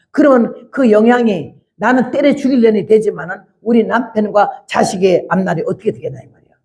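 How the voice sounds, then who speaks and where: A woman in her eighties, a missionary preacher, delivers a testimony sermon in a blunt, rough-spoken manner at medium pitch. She dramatically and loudly acts out scenes as she speaks.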